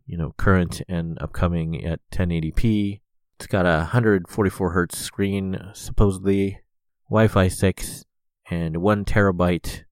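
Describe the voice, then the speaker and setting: A young man with a low, slightly mellow voice and no room sound hosts a rambling solo podcast. He's stuffed up with a cold and fills his sentences with lots of "uh."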